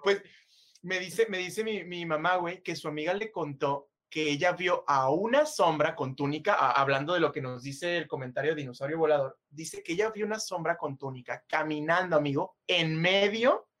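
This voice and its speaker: A man with a Mexican accent, a podcast co-host telling a personal story in a casual, animated, slangy way, laughing often. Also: a little high, moderate pace.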